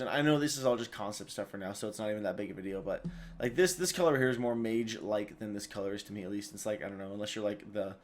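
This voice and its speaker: A man's voice: lowish voice, slight background noise. A tired man hosting a video, giving casual, rambling commentary full of fillers and restarts. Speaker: video host.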